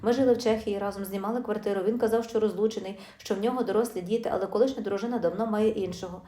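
Woman reading a quiet, shaken young wife, mellow tone, brisk, echoey room. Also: medium pitch, fairly even intonation, natural voice. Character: young blonde woman, shocked second wife. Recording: roomy echo.

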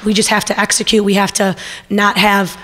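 A middle-aged woman head coach speaks earnestly into a table mic at a postgame press conference, steady but using many fillers. Her voice is medium-pitched and a little fast. The press room gives the recording a long reverb.

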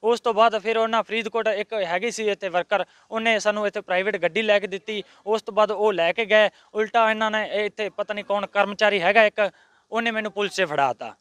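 A Punjabi man pours out an aggrieved complaint to a reporter. His voice sits high and comes through smooth and resonant. The sound is dry and close. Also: steady tone, quick pace, a bit bright, no echo. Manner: aggrieved, insistent. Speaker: patient's husband. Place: outside a hospital.

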